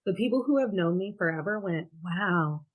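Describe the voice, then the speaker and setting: A woman's voice: fairly low pitch, animated, normal speed, phone-quality sound. A woman in her thirties from Ohio, a podcast guest telling frank personal stories in casual chat with wry laughs. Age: 30s.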